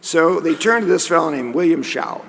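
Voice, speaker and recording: A man's voice: on the high side, expressive, normal speed, gravelly, fairly bright tone. A man giving a conference lecture in a conversational way, with joking asides. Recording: long hall reverb.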